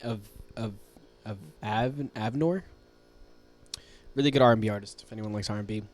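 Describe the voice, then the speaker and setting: A man's voice: lowish voice, normal speed, a little mellow, a little hiss or hum. A young man co-hosting a casual comedy podcast, rambling and joking with a friend. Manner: joking, rambling, trips over tongue twisters. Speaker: podcast co-host. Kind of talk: casual chat.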